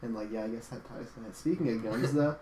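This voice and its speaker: A young man in casual podcast chat, jokey and quick to laugh, asking questions. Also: mid-range voice, mellow. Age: young adult. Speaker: podcast co-host. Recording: roomy echo, faint hiss.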